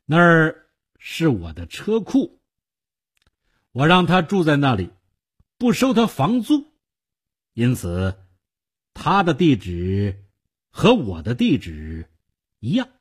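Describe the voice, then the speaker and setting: Man reading as sly older rich uncle, husky and unhurried, calm persuasive manner. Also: on the high side, voice pushed up, heavily acted. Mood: calm scheming. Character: shrewd older wealthy male uncle, calm and scheming.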